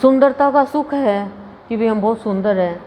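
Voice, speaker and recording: A woman preacher gives a homely devotional talk, chatty and quick to laugh at her own anecdotes. Her voice sits a little high. It carries a long hall reverb over faint ambient noise. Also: mellow. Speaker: spiritual preacher.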